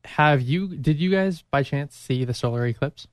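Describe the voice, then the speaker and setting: Smooth-voiced man, eager radio chat. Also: on the high side, normal speed, no room sound, clean studio sound. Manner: enthusiastic, searches for words. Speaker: radio show co-host. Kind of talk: casual radio talk show chat. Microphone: studio microphone.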